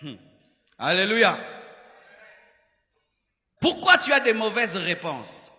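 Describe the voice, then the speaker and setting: A man's voice: sits high, sing-song, slow pace, bright, forceful tone. A man with a Congolese accent giving an admonishing sermon as a pastor, repeating phrases for emphasis. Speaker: pastor preaching. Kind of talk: sermon with acted examples and direct address. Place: large church hall, preaching to a crowd. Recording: reverberant hall.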